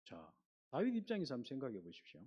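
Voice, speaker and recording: Preaching with energy, a male pastor reads from scripture and directs questions at his congregation. He talks fast in a mid-range voice, captured in dull audio.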